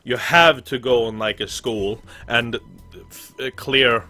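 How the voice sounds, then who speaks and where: A man's voice: mid-range voice, steady tone, takes it slowly, bright, forceful tone, soft background music. A young man giving casual, rambling let's play commentary and swearing freely. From Sweden. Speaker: gaming streamer. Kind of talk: let's play commentary, reading game text aloud.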